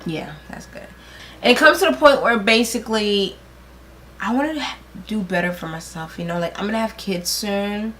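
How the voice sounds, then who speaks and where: A woman's voice: mid-range voice, expressive, normal speed, fairly bright tone, a little hiss or hum. A woman in her twenties, tipsy and giggly, chatting casually with blunt, teasing, swear-happy remarks while doing makeup. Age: 20s. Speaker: vlogger doing a makeup challenge.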